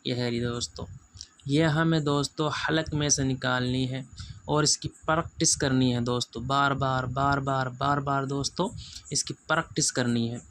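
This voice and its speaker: Male teacher, flat even delivery, faint hiss behind, slow stretched-out letters. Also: mid-range voice. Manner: patient, repetitive, drawn-out letter sounds, keeps saying "friends". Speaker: Quran reading teacher. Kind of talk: letter-by-letter pronunciation lesson.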